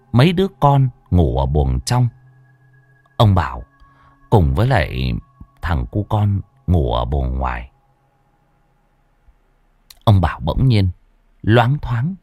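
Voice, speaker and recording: A man's voice: lowish voice, darkish tone, dry recording. A man narrating a ghost story in a dramatic, scripted way. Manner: dramatic, swooping storytelling delivery. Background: faint background music.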